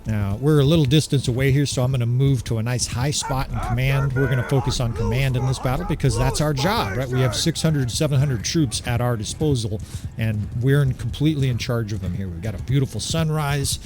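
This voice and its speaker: A man with a mid-range voice keeps a fairly quick pace while commenting on his strategy game playthrough. He sounds chatty and enthusiastic and leans on "right?" again and again.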